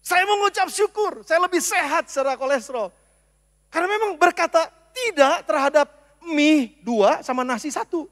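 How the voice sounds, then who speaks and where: A man preaches to his congregation in a very high voice. He swings between loud, emphatic lines and soft, quiet asides. His words ring out with a long reverb in a church hall. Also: expressive, moderate pace. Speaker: pastor. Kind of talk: sermon.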